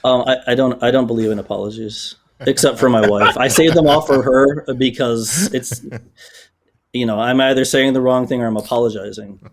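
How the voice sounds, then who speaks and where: A man's voice: mid-range voice, steady tone, normal speed, crowd noise. A man from the San Francisco Bay Area, a creative director guest in a casual interview, with a dry sense of humor. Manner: dry humor, many fillers and restarts.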